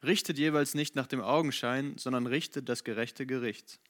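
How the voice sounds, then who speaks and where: A man reading as a calm, earnest teacher. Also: mid-range voice, normal speed, lightly acted. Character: calm male teacher speaking with authority. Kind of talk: Bible reading.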